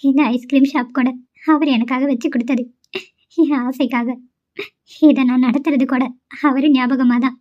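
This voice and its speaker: A woman voicing a gentle grieving young mother. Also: high voice, fairly even intonation, normal speed, long pauses, lightly acted. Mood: sorrowful. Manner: soft, affectionate with the child, tearful about her loss. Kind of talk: amateur cartoon voice acting. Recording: lo-fi home recording.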